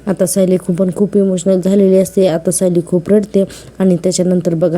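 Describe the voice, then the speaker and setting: A woman's voice: on the low side, dark tone. A woman casually retelling a TV serial episode, quoting the characters in her own voice as she goes. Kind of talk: casual narrated recap.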